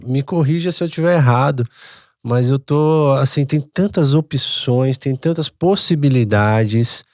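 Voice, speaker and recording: A man's voice: medium pitch, measured pace, dry recording, clean studio sound. A Brazilian man co-hosting a podcast, reflecting aloud on what he has learned in a casual way. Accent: Brazilian Portuguese. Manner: reflective, thinks out loud. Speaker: podcast co-host. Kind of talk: casual chat.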